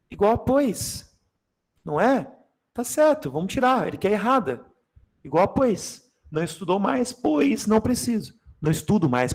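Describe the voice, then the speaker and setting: A man from Brazil teaching Portuguese grammar in a lively exam-prep class, joking and talking straight to his students. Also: high voice. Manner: animated, jokey, addresses class directly.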